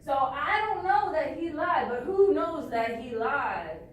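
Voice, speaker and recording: A woman leading a group discussion as a trainee facilitator, asking questions in a halting way and repeating herself. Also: high voice, lively intonation. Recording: echoey room, far from mic, faint noise.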